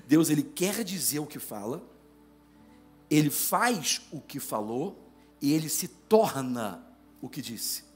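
A man's voice: a little high, sing-song, slow pace, pauses often, darkish tone, faint music behind. A man preaching a sermon, firing rhetorical questions at the congregation and rising to emphatic declarations.

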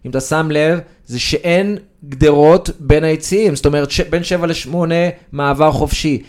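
A man co-hosting a sports podcast, chatting casually and wandering from point to point with plenty of fillers. His voice sits a little higher than most men's. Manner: conversational, digressive, with frequent fillers. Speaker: sports journalist, podcast co-host.

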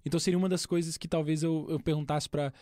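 A man's voice: on the high side, steady tone, fast talker, mellow, no room sound, clean studio sound. A man with a Brazilian accent, a podcast guest in casual chat who swears freely and laughs easily. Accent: Brazilian Portuguese.

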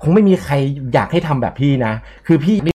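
A man hosting a lively radio interview, chatty and teasing, with frequent fillers. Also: on the high side, fast, husky. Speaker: radio DJ host.

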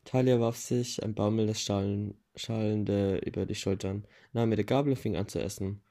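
A man reading a first-person novel aloud in a plain, steady way, with small self-corrections now and then. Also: lowish voice, moderate pace, creaky. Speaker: audiobook reader.

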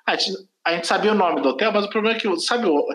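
A Brazilian man with a notably high voice tells a story on a casual podcast. He rambles, trips over his words and corrects himself as he goes. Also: fast, a bit bright, roomy sound, poor audio. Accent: Brazilian Portuguese. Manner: rambling, self-correcting, laughs at own story. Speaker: podcast host.

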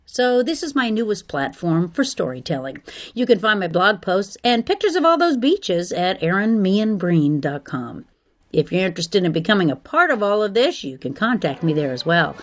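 A woman's voice: mid-range voice, big pitch swings, normal speed, highs cut off. A middle-aged woman hosting a podcast, telling a scripted personal story. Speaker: podcast host.

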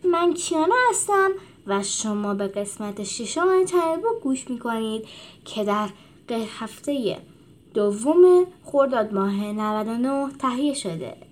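A woman hosting a podcast and reading a translated children's book aloud with expressive storytelling. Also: a little high. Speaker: podcast host and narrator.

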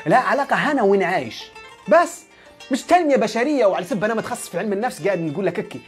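A man talks at a breakneck clip during a motivational livestream, animated and conversational as he repeats his points. Faint music sits behind his voice. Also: high voice. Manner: rapid, animated, repetitive and conversational. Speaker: psychologist.

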